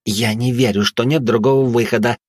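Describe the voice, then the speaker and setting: A man's voice: mid-range voice, steady tone, brisk, slightly rough, dry recording, faint music behind, natural voice. A brash young woman fighter with a teasing, snappy tongue, as a man voices her in a storybook. He lifts his voice well above his own. Dry, close sound. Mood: mocking. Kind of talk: audiobook character voice.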